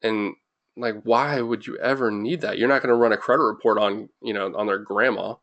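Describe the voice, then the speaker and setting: A man's voice: fairly low pitch, steady tone, a little fast, fairly bright tone, highs cut off. A young man hosting a webinar in an informal, rambling way, full of fillers and restarts, a little jittery from too much caffeine. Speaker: webinar host.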